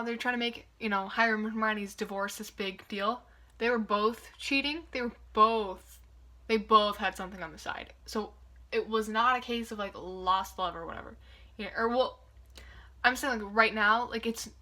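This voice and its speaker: A woman's voice: medium pitch, bright, forceful tone. A young woman giving casual reaction commentary, chatty and wry, full of "like" fillers and amused asides. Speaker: video reactor.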